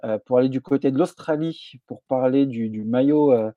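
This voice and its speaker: A man co-hosting a show, running through the lineup in a relaxed, jokey way with some hesitations. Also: mid-range voice, normal speed, dry recording, lo-fi sound. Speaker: co-host.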